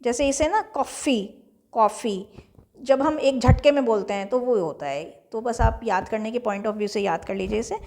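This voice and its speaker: Indian woman, young teacher, revision lecture, fairly high voice, repeats key terms. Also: vocal fry, darkish tone, a little hiss or hum. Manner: explains slowly, repeats key terms, mixes English terms into Hindi.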